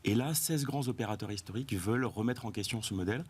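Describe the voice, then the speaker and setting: A man interviewed as a guest on a TV set, explaining his case in an assured, fast-flowing way. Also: fairly low pitch, husky. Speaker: telecom company president, guest.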